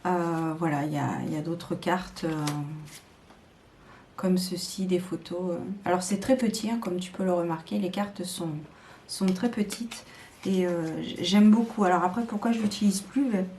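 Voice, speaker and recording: A woman's voice: on the low side, normal speed, mellow, slight background noise. A woman showing tarot decks to camera in a casual, hesitant chat full of fillers and restarts. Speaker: tarot video creator.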